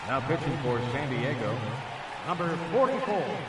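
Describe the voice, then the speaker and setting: A man announcing players over a stadium PA system in a slow, drawn-out ballpark delivery. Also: fairly high pitch, big pitch swings, very noisy. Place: outdoor ballpark. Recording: distant loudspeaker in a loud crowd.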